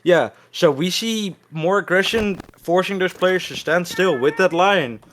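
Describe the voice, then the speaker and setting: A woman giving excited play-by-play commentary on an esports match. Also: fairly low pitch, measured pace, a little hiss or hum. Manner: excitable, speeds up on big plays.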